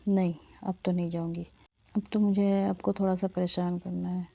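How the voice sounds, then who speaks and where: Woman narrator as a teasing young woman, storybook, coaxing, dark flat voice. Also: lowish voice, moderate pace, gravelly.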